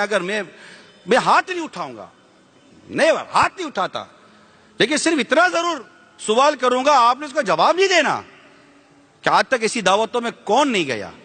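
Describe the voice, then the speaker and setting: This is a fiery sermon from a man whose voice is very high and sharp, echoing through a large hall. He hurls rhetorical questions at the listeners while dropping in English words here and there.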